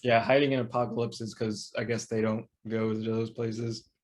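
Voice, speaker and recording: A man's voice: on the low side, level tone, normal speed. A man co-hosting a podcast, chatty and loose, laughing easily in casual conversation. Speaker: podcast co-host. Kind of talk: casual chat.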